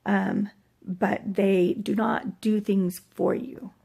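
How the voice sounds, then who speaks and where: Gravelly American woman, weak after surgery. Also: mid-range voice, steady tone, slow pace, warm tone. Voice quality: gravelly, husky, breathy. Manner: rambling, hesitant, trailing off. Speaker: vlogger sharing surgery recovery. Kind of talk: casual personal vlog. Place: hotel room.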